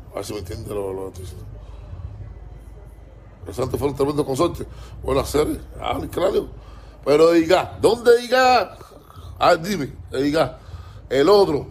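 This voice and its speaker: A man's voice: medium pitch, a little mellow, a little hiss or hum. A man with a Cuban Spanish accent, ranting in a heated, repetitive way, stumbling over his words and swearing often. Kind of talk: casual ranting monologue.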